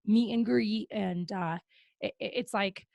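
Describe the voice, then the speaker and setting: Her mid-range voice is creaky and darkish, a little slow, as this young adult woman hosts a podcast in casual chat. She's still upbeat and talkative with frequent fillers, recorded on a close podcast mic with no room sound.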